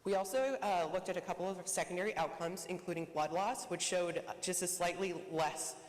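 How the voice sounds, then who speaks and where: Quick scripted conference presenter in a roomy hall. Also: mid-range voice. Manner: reads quickly from a prepared script. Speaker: researcher presenting a study. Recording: echoey conference hall reverb.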